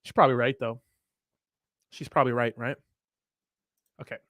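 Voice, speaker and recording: A man's voice: medium pitch, fairly even intonation, normal speed, a bit bright, no room sound. A man hosting a casual livestream, talking with hyped frat-bro slang and swagger. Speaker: crypto livestream host.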